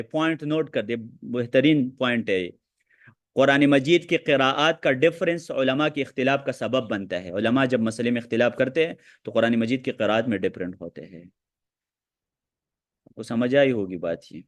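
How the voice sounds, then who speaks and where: A man teaching a hadith lesson who talks quickly and quotes Arabic texts while answering questions. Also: medium pitch. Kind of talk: online lecture with questions.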